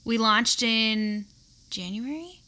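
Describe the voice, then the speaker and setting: A woman's voice: on the high side, takes it slowly, pushed and bright. A woman hosting a podcast from her living room, chatting in a bubbly, giggly, rambling way. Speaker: podcast host. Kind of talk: casual chat.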